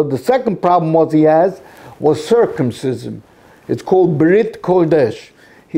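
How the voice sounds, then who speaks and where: A man giving an impassioned sermon-like monologue in a synagogue, repeating himself with dramatic pauses. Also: a little high, warm tone. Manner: emotional, repetitive, with dramatic pauses.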